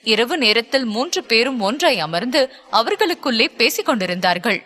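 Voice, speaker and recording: High bright woman narrating a story. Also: sing-song, a little fast, long reverb tail. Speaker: audiobook narrator.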